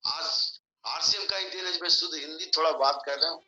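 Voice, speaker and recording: A man's voice: fairly high pitch, fairly quick, pushed and bright. A man giving a motivational stage talk, telling stories and acting out the dialogue while calling out to the audience. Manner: storytelling, acts out dialogue, calls "hello" to the audience. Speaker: network marketing leader giving a motivational talk. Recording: roomy, muffled hall recording.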